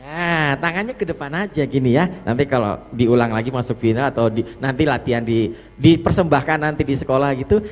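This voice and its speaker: A man judging a children's storytelling contest, giving animated, affectionate feedback and acting out lines to show how they should sound. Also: medium pitch, fairly quick. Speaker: competition judge. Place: school storytelling competition venue.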